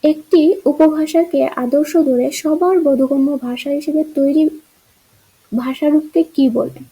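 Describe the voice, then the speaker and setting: Female teacher, high pitch, soft dark timbre, explains answers step by step. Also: fairly even intonation, a little slow, poor audio. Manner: explains answer choices, asks rhetorical checks. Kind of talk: exam-prep grammar lesson.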